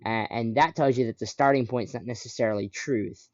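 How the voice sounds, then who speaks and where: A man's voice: mid-range voice, a little fast, darkish tone, no echo. A male podcast host who affirms his guest and leads the talk with follow-up questions. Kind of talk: conversational podcast interview. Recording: dry, dull lo-fi audio.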